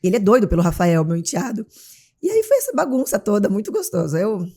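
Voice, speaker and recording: A woman's voice: medium pitch, fast talker. A Brazilian woman, a mother of three and a guest on an interview show, talking casually and acting out scenes as she tells stories. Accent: Brazilian Portuguese. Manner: animated storyteller, acts out scenes.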